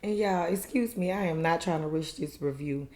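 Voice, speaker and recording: A woman's voice: on the low side, moderate pace, a little mellow. A woman host giving a casual, chatty recap review of a reality show in a colloquial, filler-heavy way. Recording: echoey room.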